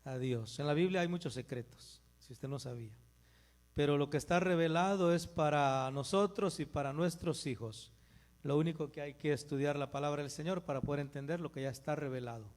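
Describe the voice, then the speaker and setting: Male church leader, fairly high voice, conversational preacher who repeats phrases and quizzes the congregation. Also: fairly quick, a little mellow. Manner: conversational, repeats himself, puts questions to listeners. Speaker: church leader introducing the teacher. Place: live in a church meeting.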